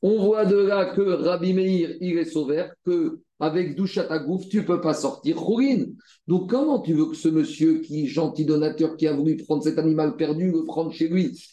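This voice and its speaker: Man, Talmud study teacher, slightly high voice, mellow tone, repeats phrases, asks rhetorical questions, echoey room. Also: normal speed, lo-fi sound. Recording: roomy echo.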